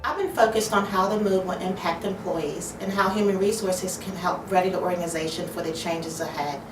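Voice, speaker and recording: A woman's voice: on the low side, steady tone, brisk, over loud music. A woman from human resources speaking in a fluent, polished way in a corporate video interview. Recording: roomy, distant mic, background noise.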